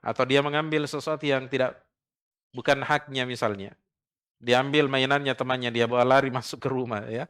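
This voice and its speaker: A male preacher giving a measured religious study lecture, punctuating his points with affirming tags. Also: mid-range voice, fairly even intonation, fairly bright tone, clear, resonant tone. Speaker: Islamic preacher. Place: prayer room.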